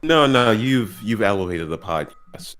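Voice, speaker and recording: A giggly man hosts a loose podcast chat and often stammers into restarts. His mid-pitched voice moves lively up and down. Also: unhurried.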